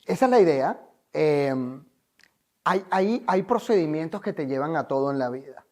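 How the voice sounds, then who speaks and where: A man's voice: fairly high pitch, animated, moderate pace, a little mellow. A Venezuelan man, a life coach, telling his story in an interview in an earnest, emphatic, motivational way.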